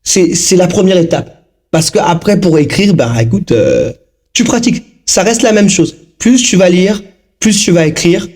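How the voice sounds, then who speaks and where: A man in his thirties from Togo, a guest talking casually in an interview, lively and full of fillers. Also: high voice, normal speed, husky. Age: 30s. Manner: animated, lively storytelling with frequent fillers.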